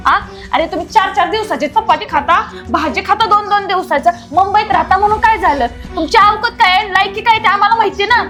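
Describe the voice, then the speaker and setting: A woman's voice: very high voice, sharp tone. A woman acting a harsh aunt who scolds and taunts, with faint music behind. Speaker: actor playing a cruel aunt-in-law. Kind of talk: amateur family drama acting.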